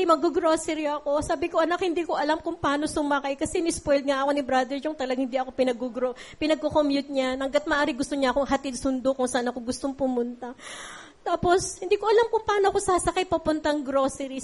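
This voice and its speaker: A middle-aged woman giving a heartfelt church testimony, tearful at times and using many fillers. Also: high-pitched.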